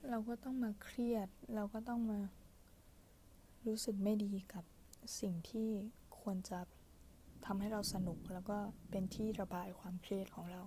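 A woman reading aloud and explaining in soft ASMR pillow talk, often slipping toward a whisper. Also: mid-range voice, slight background noise. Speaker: bedtime reader, translator of a book.

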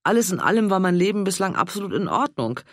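A gentle, hesitant woman in her sixties, put on by a male reader, answers softly and a little apologetically. The voice sits somewhat higher and moves in a lively way. The sound is dry and close. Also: quick pace, no room sound. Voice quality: soft-spoken, hesitant and apologetic. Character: mild, hesitant older married woman, easily embarrassed. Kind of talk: audiobook character voice.

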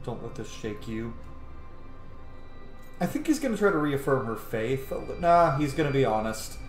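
Thinking out loud over a role-playing game, a thirtysomething man delivers relaxed let's play commentary from a room at home. He speaks at a moderate pace in a sing-song, medium-pitched voice, and the echoey recording carries game music underneath.

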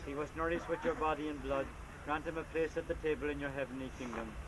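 Solemn priest praying at an outdoor graveside. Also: male voice, a little high, fairly even intonation. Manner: measured, formal liturgical delivery. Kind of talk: solemn funeral prayers read at a graveside. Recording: noisy, windy outdoor camcorder recording.

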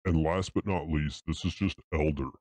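A man reviewing gear, talking plainly through a deep pitch-shifting voice changer preset. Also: steady tone, moderate pace, darkish tone, no echo. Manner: plain explanatory talk with fillers. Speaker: tech reviewer. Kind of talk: casual product demo.

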